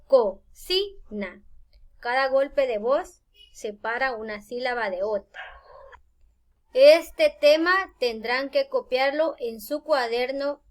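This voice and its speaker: High-voiced woman teacher explaining slowly. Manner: slow, deliberate explaining with filler pauses. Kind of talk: recorded classroom lesson.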